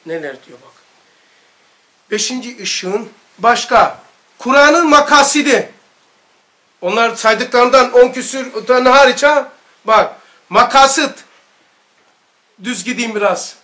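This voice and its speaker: Male study-circle teacher, very high bright voice, lively, throws rhetorical questions at the room. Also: slow, long pauses. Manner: animated, barks mock military commands. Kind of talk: informal religious lesson.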